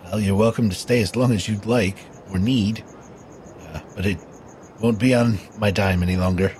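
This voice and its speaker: A man's voice: lowish voice, steady tone, normal speed, darkish tone, a little hiss or hum, close to an everyday voice. A man voicing a haughty female mayor who talks in a clipped, dismissive way. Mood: curt. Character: haughty female town mayor, curt and disdainful.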